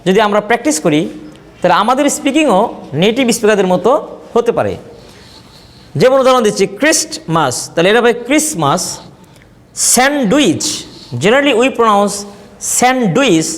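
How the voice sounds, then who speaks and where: A man with a Bangladeshi accent teaching a spoken English lesson, slowly repeating example words to contrast how they are pronounced. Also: very high-pitched. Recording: long reverb.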